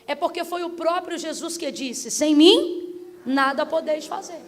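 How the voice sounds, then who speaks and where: Young woman preacher, high voice, lively playful sermon delivery. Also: moderate pace.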